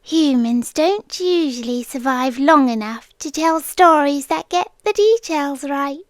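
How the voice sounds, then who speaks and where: In an ASMR roleplay, a British woman plays a deer spirit who is girlish, sweetly menacing and possessive, drifting between soft speech and close-mic whispers in a coy, teasing way. Her voice is high-pitched with lively intonation and an unhurried pace. It's recorded on a close microphone with no echo.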